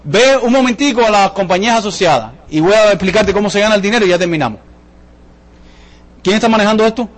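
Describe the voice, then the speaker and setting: A man gives a sales pitch at a seminar, talking fast and with energy. His voice sits high for a man, and he keeps turning to the audience with questions and jokes. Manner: animated, joking, asks the audience questions. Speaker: business presenter at a sales seminar. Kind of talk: lively motivational sales talk to a live audience.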